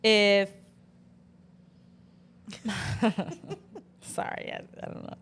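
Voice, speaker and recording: Woman, podcast co-host, casual chat, playful, quick bursts, mid-range voice. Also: medium pitch, monotone, a bit bright, clear, resonant tone.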